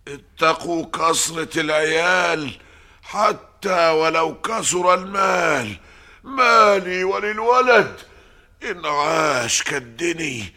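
An Egyptian-accented man playing an eccentric royal priest in a theatrical fantasy drama, declaiming in drawn-out rhymed proverbs. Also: fairly high pitch, expressive, bright, forceful tone, heavily acted. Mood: emphatic preaching. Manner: declamatory, drawn-out sing-song rhyming.

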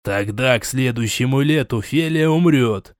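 A man's voice: mid-range voice, unhurried, no room sound, clean studio sound, close to an everyday voice. A man voicing a stern older prince who scolds, sighs and turns suspicious. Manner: scolding, sighing, sarcastic.

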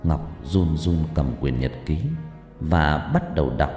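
Mellow man narrating a horror story. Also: unhurried. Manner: expressive, sinking low for dread. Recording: heavy hall reverb with music.

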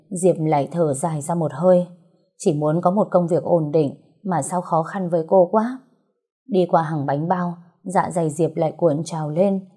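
A woman narrating a story in a steady, brisk reading style. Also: lowish voice, breathy edge. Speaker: audiobook narrator.

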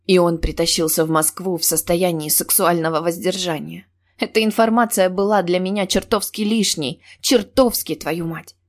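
Woman reading a novel in first person, lowish voice, tense and emotional. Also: fairly even intonation, normal speed. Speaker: audiobook narrator.

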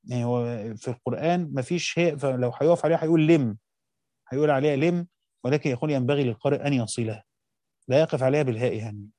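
An Egyptian man gives a quick-paced lesson, reading passages aloud and then explaining them in everyday speech. His voice is mellow and dark, recorded close and dry with no room sound. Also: mid-range voice, no room sound. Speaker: teacher. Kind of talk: reading and explaining a classical text.

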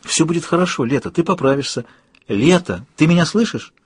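A man reading an audiobook, voicing a gentle young woman softly coaxing a patient to wake. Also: fairly high pitch, lively intonation, fairly quick, breathy edge, no echo, voice pushed up. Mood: reassuring. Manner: soft, coaxing, encouraging.

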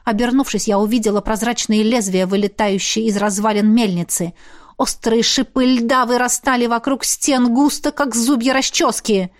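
A woman's voice: on the high side, fairly even intonation, moderate pace. Woman narrating a fantasy audiobook. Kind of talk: scripted narration of a fantasy novel.

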